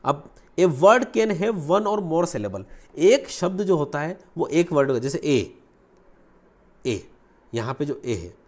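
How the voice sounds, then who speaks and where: Male grammar teacher, slightly high, animated voice, explains in Hindi with English terms. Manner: explains in Hindi, mixing English terms, repeats key words slowly; lively teacherly delivery, asks and answers own questions.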